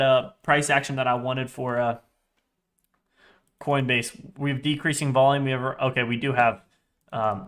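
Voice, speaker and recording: A man in his twenties, a day trader livestreaming, gives casual live commentary in a medium-pitched, fairly bright voice. He's restless and sweary, muttering to himself as he trades.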